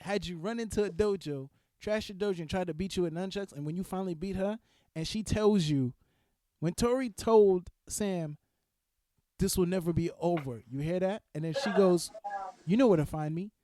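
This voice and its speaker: A man co-hosting a casual podcast chat, an animated storyteller who swears freely and gets loud when excited. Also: high voice, normal speed, dry recording, studio quality. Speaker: podcast co-host.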